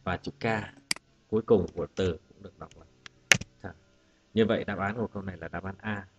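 Low-voiced male teacher, methodical. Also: brisk, lo-fi sound, very noisy. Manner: patient, methodical, repeats each English word twice. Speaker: English teacher. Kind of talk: exam-prep lesson walkthrough.

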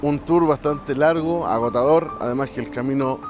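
A Chilean man talking casually and haltingly on an outdoor night exploration vlog. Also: medium pitch, music in the background. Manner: halting, searching for words. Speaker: paranormal exploration vlogger.

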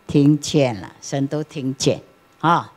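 A woman's voice: extremely low pitch, takes it slowly. A woman pastor preaching a sermon in church, questioning the congregation and answering herself, with frequent chuckles. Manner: acts out anecdotes, chuckles often. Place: church sanctuary.

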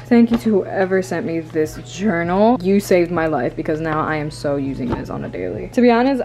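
Excitable young woman vlogger unboxing. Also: fairly low pitch, slight background noise. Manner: excitable, swearing, gushing with squeals and laughs. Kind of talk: casual unboxing chat.

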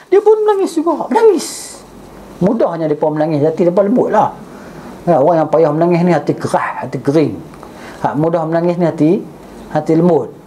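A man's voice: extremely high pitch, dark tone, a little hiss or hum. A man, a religious teacher telling a story in class. He recites Arabic and then explains it, and keeps checking with his listeners.

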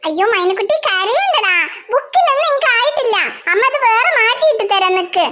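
A woman's voice: very high voice, animated, brisk. A woman voicing an exasperated cartoon mom. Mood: scolding. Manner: scolding, exasperated, chatty asides to viewers. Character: harried young mother, scolding and exasperated. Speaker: channel host. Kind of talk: cartoon voice acting. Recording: loud background noise.

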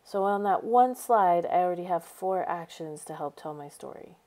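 A woman's voice: fairly low pitch, animated, normal speed, dark tone. A woman teacher narrating a screencast tutorial, explaining each step in an upbeat way. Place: voice-over over a screen recording.

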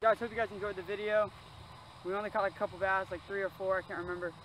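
This teenage vlogger gives casual, slangy commentary on his fishing outing at a pond, picked up outdoors by a camera mic. He talks fast in a high, slightly bright voice with a flat delivery, over slight background noise in a rough recording.

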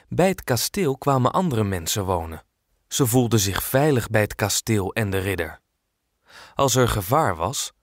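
A male narrator reading a children's book aloud, clear and expressive. His pitch moves in lively storytelling curves and he takes his time with each sentence. The sound is dry and close, with no room. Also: dry recording. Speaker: audiobook narrator.

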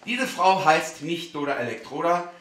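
A male comedian performing a live stage show, speaking to the audience in a mock-formal, animated way and sometimes shouting. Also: fairly high pitch, moderate pace, a little hiss or hum. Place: theater stage. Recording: roomy theater sound.

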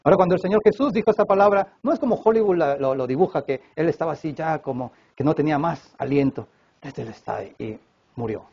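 A man preaching a sermon at a church service, swinging between loud emphatic cries and hushed low passages. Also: fast talker, few pauses, breathy edge, dull audio. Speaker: pastor.

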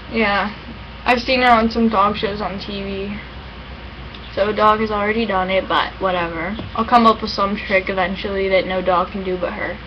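A woman's voice: medium pitch, moderate pace, sharp tone. A woman rambling casually in a homemade vlog, chatting informally to her viewers. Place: at home at a computer, with a dog nearby. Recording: noisy amateur home recording.

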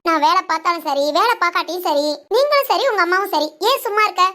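A sharp-tongued young wife from a family cartoon, performed by a woman. She refuses to back down and answers every charge firmly. Her voice is very high and her words come fast. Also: lively intonation, exaggerated voice. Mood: defiant. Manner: defiant, firm, talks back. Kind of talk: animated family cartoon dub.

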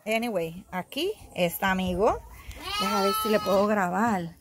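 A woman films her goats and sheep in an outdoor pen on a handheld phone, talking to them in a soothing, cooing way and laughing often. Her voice is medium-pitched and unhurried, and the recording is very noisy. It's a casual phone vlog with animals.

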